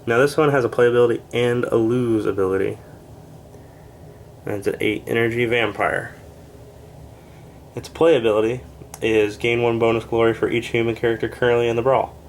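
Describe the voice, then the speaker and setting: A man with a stuffed-up voice works through a deck of game cards, reading each one's text in a plain, unhurried way. He adds casual asides with fillers and is a little short of breath. A faint hiss sits behind him. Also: mid-range voice. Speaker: board game reviewer.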